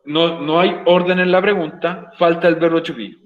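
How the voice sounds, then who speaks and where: Man, Chilean Spanish accent, online English teacher, emphatic, repeats himself, somewhat high voice, echoey room. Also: fairly even intonation, moderate pace, narrow, tinny audio. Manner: repeats points, emphatic, checks in with "ok?". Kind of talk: online class explanation.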